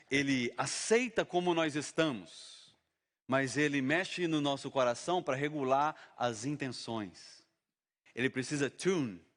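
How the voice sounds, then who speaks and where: A man's voice: medium pitch, fairly bright tone. A man with a Brazilian Portuguese accent preaching a sermon as pastor, talking in a conversational way and acting out little dialogues. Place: church service.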